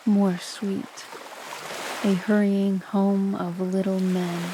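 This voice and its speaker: A woman narrating poetry in a soft, calm and even voice, reading to help listeners fall asleep. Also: medium pitch, takes it slowly, background noise. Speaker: sleep story narrator. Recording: voice over a loud ambient ocean bed. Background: ocean ambience.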